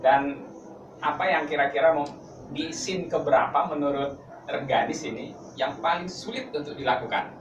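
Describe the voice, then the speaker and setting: A man's voice: a little high, normal speed. A man interviewing students and a teacher in a casual, chatty way, often laughing and teasing. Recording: roomy distant mic with noise.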